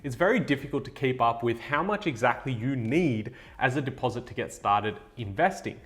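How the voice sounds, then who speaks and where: A man's voice: mid-range voice, lively intonation, normal speed, a bit bright. A man, hosting a casual finance explainer and talking straight to viewers in an upbeat, salesy way. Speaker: buyer's agent and channel host. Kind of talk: direct-to-camera finance explainer.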